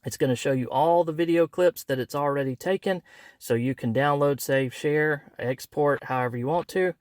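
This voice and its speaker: A man's voice: on the high side, normal speed, a little mellow, no echo, studio quality. A man reviewing a product, talking through its setup in a folksy, conversational way. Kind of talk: casual product review demo.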